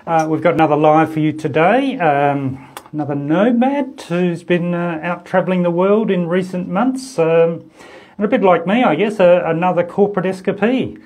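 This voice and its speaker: A man's voice: sits high, moderate pace, darkish tone. A man hosting a casual live interview, talking with many hesitations and fillers. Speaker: host. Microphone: live stream.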